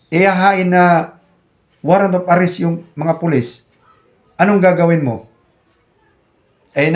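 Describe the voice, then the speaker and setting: A Filipino man who runs a channel, explaining security guard rules to viewers in a casual, conversational way. He keeps talking to viewers as guys, and he acts out short scenes as he goes. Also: sits high. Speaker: YouTube channel host, security guard trainer.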